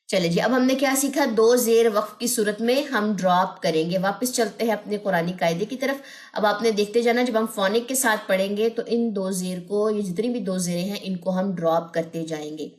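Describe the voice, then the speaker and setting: A woman teaching Quran recitation online, drilling syllables slowly and repeating each one, with quick asides in between. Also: mid-range voice.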